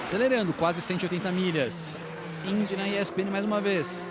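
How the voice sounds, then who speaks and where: A Brazilian man doing live motorsport commentary as a play-by-play announcer, with an excited manner that builds toward drawn-out calls. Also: high-pitched. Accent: Brazilian Portuguese. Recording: engine and vehicle noise behind.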